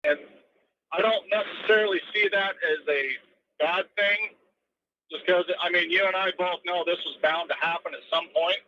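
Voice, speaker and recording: A man's voice: sits high, steady tone, normal speed. A man calling a radio talk show on the phone while driving a truck, rambling earnestly through his points in casual chat. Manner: rambling and earnest, piles up points with many ums. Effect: phone call from a moving truck. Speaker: radio call-in caller. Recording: muffled lo-fi phone line from a moving truck. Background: road and vehicle noise.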